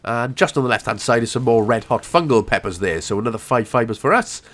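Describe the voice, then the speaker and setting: A man's voice: mid-range voice, fast. A man, ill with a cough, giving a casual, jokey commentary over a game walkthrough. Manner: jokey, animated, self-mocking asides.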